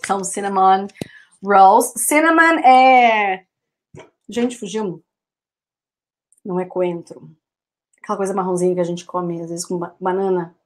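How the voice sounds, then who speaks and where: A young woman with a Brazilian Portuguese accent teaching English vocabulary in a chatty live online class, repeating words for her students and answering the chat. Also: mid-range voice.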